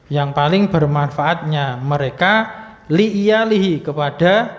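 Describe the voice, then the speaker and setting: A man's voice: on the high side, slow. Man teaching grammar in an echoing hall. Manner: explanatory, frequent fillers, light humor. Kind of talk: religious study lesson. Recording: muffled recording with long hall reverb.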